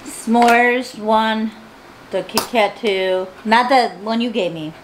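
A woman's voice: fairly high pitch, slow pace, a little hiss or hum, rough recording. A woman co-hosting a casual video, playful and teasing. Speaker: co-host. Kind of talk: casual chat.

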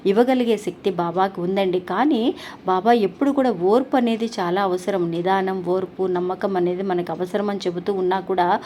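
A woman's voice: medium pitch, moderate pace, dark tone, a little hiss or hum. A woman hosting a devotional channel, telling a story in an earnest, polite way with frequent restarts.

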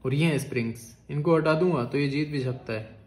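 A man giving casual, excitable commentary on toy battles as a video creator, chatting to his viewers. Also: on the high side, fairly quick. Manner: chatty, excitable, calls viewers "bhai" and "guys". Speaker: YouTuber. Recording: echoey room with loud noise.

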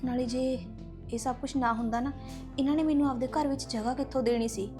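A woman's voice: high-pitched, steady tone, quick pace, music in the background, lightly acted. A woman acting as a conniving young woman who fakes her grief and schemes for a place in the household. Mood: scheming. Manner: urgent, conniving. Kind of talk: amateur web-drama acting.

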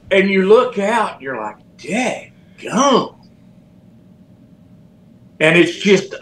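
Slow-talking older man wrestler. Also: a little high, poor audio. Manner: animated storyteller, folksy, sound effects. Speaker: former pro wrestler, guest. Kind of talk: casual storytelling interview.

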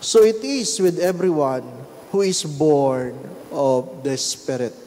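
An older Filipino priest preaching in a slightly high voice, slow and deliberate, moving between English and Tagalog. His handheld mic carries a long church reverb with faint hiss behind it. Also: expressive, warm tone. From Philippines. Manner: measured delivery, mixing English and Tagalog. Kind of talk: gospel reading and homily. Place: large church at the altar. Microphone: handheld microphone.

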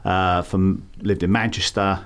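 With a low voice and flat delivery, a middle-aged man speaks at a measured pace. He's a campaign founder from England with a London accent, a guest answering interview questions with many fillers and restarts.

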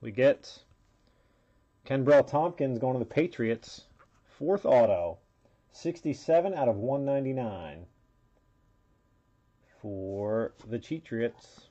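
A man's voice: mid-range voice, animated, unhurried, dark tone, slightly rough. A man hosting a live trading card break, casually calling out player names and serial numbers as he opens packs, in a dull lo-fi recording.

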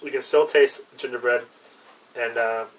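A man's voice: mid-range voice, fairly even intonation, measured pace. A young man chatting casually in an unscripted review, laid-back and a bit hesitant, trailing off. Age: young adult. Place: small cluttered indoor room with brick wall. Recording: distant mic, clear background noise.

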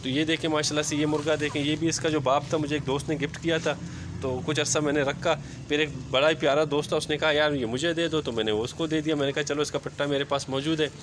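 A man talks casually as he walks around his rooftop yard. His voice sits fairly high and he keeps dropping in filler phrases. A phone camera picks him up outdoors, with steady ambient noise around him. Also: fast. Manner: chatty, repeats filler phrases. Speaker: poultry vlogger. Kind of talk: casual walk-through narration.

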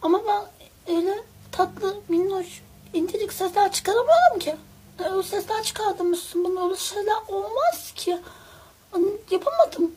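A woman talking casually to the camera in a squeaky chipmunk voice, playful and giggly. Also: animated, normal speed, a little mellow. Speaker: social media creator in a clip.

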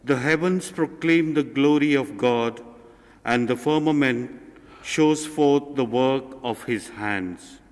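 A man serving as lector, reading scripture and the psalm at Mass in a slow, solemn way, with cathedral echo around his voice. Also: medium pitch. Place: large church. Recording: long church reverb.

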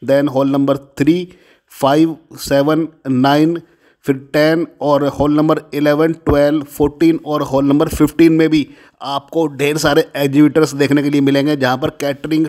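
Brief: male vlogger, voice-over, slightly high and even, reels off facts steadily. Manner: steady informative listing. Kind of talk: promotional voice-over.

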